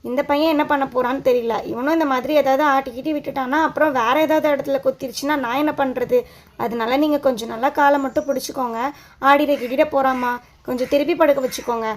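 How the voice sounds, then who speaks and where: A woman's voice: high voice, fairly even intonation, fast talker, close to an everyday voice. A woman voicing a patient adult nurse doll who soothes and coaxes a frightened child in a doll show. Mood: coaxing. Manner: soothing, coaxing, explaining step by step.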